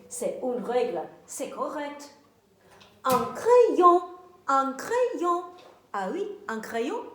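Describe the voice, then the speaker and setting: Slow sing-song woman teaching French. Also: high-pitched. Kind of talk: children's language lesson. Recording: echoey room.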